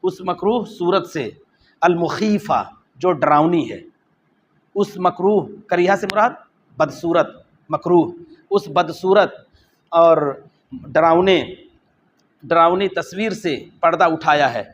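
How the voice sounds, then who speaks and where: A man teaching a lesson on an Arabic text, reading phrases slowly and then repeating them in explanation. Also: a little high.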